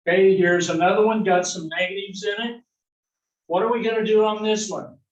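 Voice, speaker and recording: A folksy south-central US algebra instructor lectures briskly in a high, steady voice, fond of corny jokes and often asking "right?". The distant mic in the echoey classroom leaves the highs cut off.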